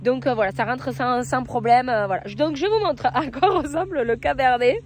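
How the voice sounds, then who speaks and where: A woman's voice: high voice, normal speed, a little hiss or hum. A woman winegrower, chatting in a hesitant way with lots of fillers while outdoors in a vineyard. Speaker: winegrower vlogger. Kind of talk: casual vlog chat.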